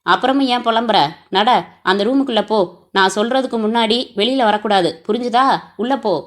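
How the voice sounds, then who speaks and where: A woman's voice: a little high, normal speed, lightly acted. A woman voicing a masked male kidnapper who gives curt, threatening orders. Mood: menacing.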